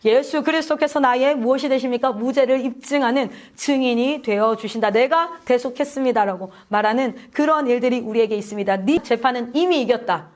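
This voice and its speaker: High-voiced woman preaching a sermon. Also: a little fast, hardly any pauses, a little mellow. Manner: rhetorical questions to the congregation, frequent hallelujahs. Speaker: missionary preacher. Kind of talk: sermon at a prayer meeting.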